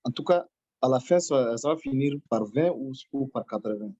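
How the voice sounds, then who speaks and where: A man's voice: medium pitch, normal speed, warm tone, no echo, highs cut off. A man asking a trading question on a video call, speaking politely and hesitantly.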